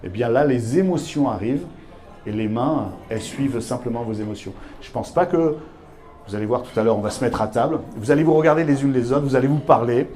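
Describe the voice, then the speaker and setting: A man's voice: mid-range voice, a little fast, mellow. A man giving a live masterclass to business leaders on a handheld microphone, emphatic and repetitive, speaking straight to his audience. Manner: emphatic teacher, repeats key words, addresses audience directly.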